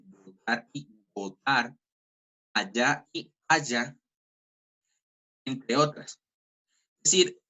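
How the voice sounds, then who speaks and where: Bright-voiced teacher explaining slowly. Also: male voice, mid-range voice, rough recording. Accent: Colombian Spanish. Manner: explanatory, slows down to spell out examples. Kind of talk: online class lecture. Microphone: video call.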